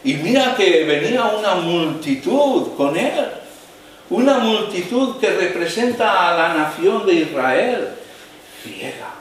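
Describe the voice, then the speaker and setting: Slow-preaching man in an echoey hall. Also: high voice, expressive, a little hiss or hum. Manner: slow, dramatic preaching that swings from hushed to raised voice. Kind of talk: sermon. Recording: echoey hall, heard from a distance.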